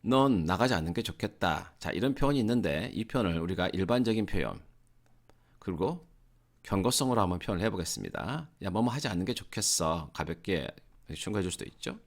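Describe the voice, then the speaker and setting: A man teaching English grammar in an online lesson, giving slow, careful example sentences between casual explanations in English. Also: low-pitched, big pitch swings, vocal fry.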